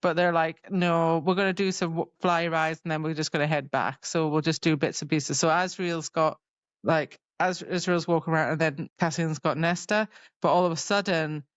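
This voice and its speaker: On a casual podcast, a woman co-host recaps a book loosely and chattily, full of "like" and acted-out quotes. Her deep voice stays steady at a normal speed, and the recording sounds dry and muffled.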